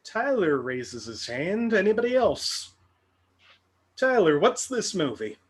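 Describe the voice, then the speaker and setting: Game show host, male, unhurried clue reader with a lively, high voice. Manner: dry, mock-serious joking. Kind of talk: reading trivia clues.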